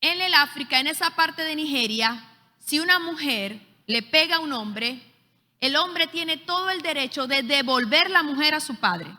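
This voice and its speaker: A woman's voice: sits high, normal speed. A woman, teaching at a church leadership school and telling stories with frequent hesitations. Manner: lively storyteller, frequent hesitations. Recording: echoey hall.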